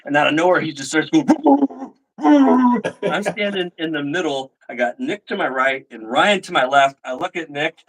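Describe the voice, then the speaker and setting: A man's voice: fairly high pitch, fairly quick, few pauses, low-quality recording. A middle-aged man casually telling stories to his livestream viewers, acting out the people he quotes. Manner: animated, acts out quoted lines. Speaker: livestream host. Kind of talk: casual storytelling chat.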